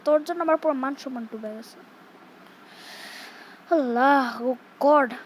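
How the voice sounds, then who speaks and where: A young woman from Bangladesh plays a horror game and talks to her viewers as she goes. Her voice is high and her pace is slow, and she scolds the game baby between jumpy yelps. Faint noise runs underneath. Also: rough recording. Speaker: gaming streamer. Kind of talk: casual horror game commentary.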